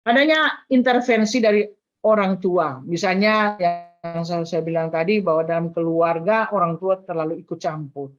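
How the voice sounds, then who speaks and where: A woman's voice: fairly low pitch, moderate pace, soft background music. An older grandmother giving an earnest, advising talk on family life, with frequent fillers. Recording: dull lo-fi sound.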